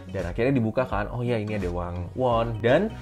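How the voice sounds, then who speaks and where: A young man from Indonesia chats through his stories in a casual vlog, calling out to viewers as he goes. His voice sits a little low. Faint music plays underneath. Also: brisk, darkish tone. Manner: chatty, addresses viewers as "guys". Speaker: vlogger. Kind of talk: casual storytelling to camera.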